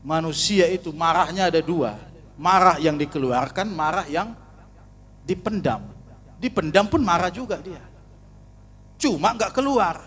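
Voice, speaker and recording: A man preaching a sermon in church, animated, rising to near-shouts and acting out little scenes. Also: a little high, a little slow, pauses often. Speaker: pastor. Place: church hall.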